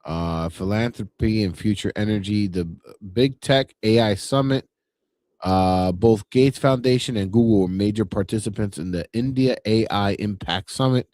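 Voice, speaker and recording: A man co-hosting a podcast, speaking in a hesitant way with many "uh"s and pauses. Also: on the low side, a little mellow, no room sound. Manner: hesitant, full of "uh" and "let's see". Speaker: podcast co-host. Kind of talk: casual chat.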